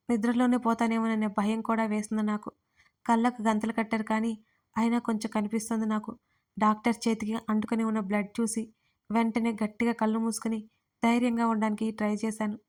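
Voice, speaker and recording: Woman storyteller with a slightly high, level delivery, reading a heartfelt first-person story. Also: a little mellow. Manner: emotional storytelling, voicing all characters herself. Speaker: writer and narrator.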